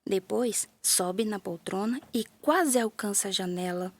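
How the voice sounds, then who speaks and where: A woman with a Brazilian Portuguese accent narrating a children's story in a gentle, playful way, with little sound effects. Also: medium pitch, measured pace.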